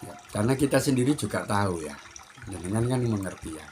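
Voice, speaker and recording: A man's voice: lowish voice, lively intonation, quick pace, background noise. A middle-aged man with an East Javanese accent gives a spiritual advice talk as a teacher, repeating his points and admonishing the listener directly. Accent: East Javanese Indonesian. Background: music.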